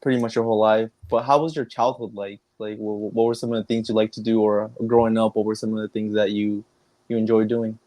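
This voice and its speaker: A man's voice: fairly low pitch, flat delivery, quick pace, darkish tone, no room sound. A young man hosting a podcast, asking questions in an easygoing, slangy way. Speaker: podcast host. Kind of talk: casual podcast chat.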